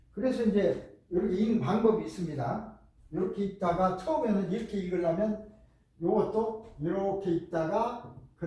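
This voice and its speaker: An older man, a professor giving a lecture, talking in an animated, emphatic way and repeating his key words. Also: high-pitched. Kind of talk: lecture on speed reading. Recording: echoey room, voice from far off.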